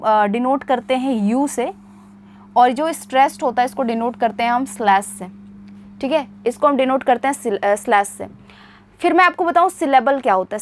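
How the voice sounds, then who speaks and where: High-voiced Indian woman teacher. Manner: explanatory, repeats points and checks with "theek hai?"; reads English sentences slowly and deliberately. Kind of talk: exam-prep lesson in Hindi with English terms.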